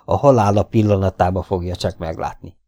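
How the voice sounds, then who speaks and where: A man voicing a mysterious masked male avenger in an audiobook, calm, mocking and self-assured. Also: deep voice. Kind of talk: audiobook character voice.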